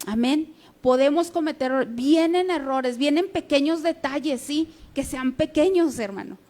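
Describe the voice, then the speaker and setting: A woman's voice: sits high, a little mellow. A woman preaching a sermon, in a conversational teaching manner that keeps checking in with the congregation.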